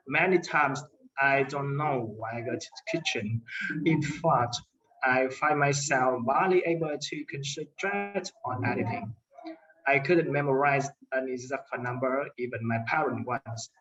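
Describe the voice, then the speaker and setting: A man's voice: medium pitch, fairly bright tone, a little hiss or hum. Young man, muffled recording. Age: 20s. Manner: recites prepared answers with hesitations. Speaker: interview guest. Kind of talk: classroom English speaking exercise, scripted interview.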